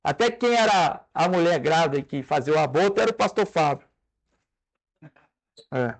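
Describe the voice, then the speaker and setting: Brazilian male preacher, high voice, very expressive delivery, joking sermon style. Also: normal speed. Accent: Brazilian Portuguese. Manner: animated, conversational, demonstrates stage tricks with humor.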